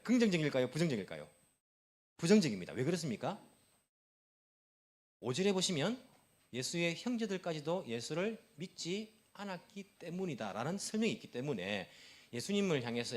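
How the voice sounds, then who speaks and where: Lively Korean pastor preaching a sermon. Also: male voice, medium pitch. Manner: lively, asks the congregation questions and answers them; fast-talking, self-aware, chuckles at himself. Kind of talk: Sunday sermon. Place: church sanctuary.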